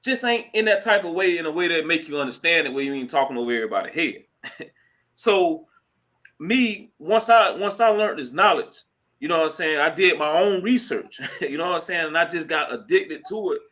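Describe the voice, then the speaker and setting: A man hosting a casual live stream, talking in a slangy, chatty way and giving shout-outs. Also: fairly high pitch, lively intonation, moderate pace. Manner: slangy and chatty, full of "you know what I'm saying" and shout-outs. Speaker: host of a crypto live stream. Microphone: computer mic at a laptop.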